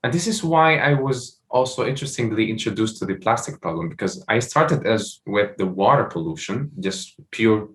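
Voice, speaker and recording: A man's voice: fairly low pitch, expressive, normal speed, few pauses. Hesitant young man from Morocco. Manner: hesitant, many fillers and restarts. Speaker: startup founder, guest. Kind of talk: conversational interview answers.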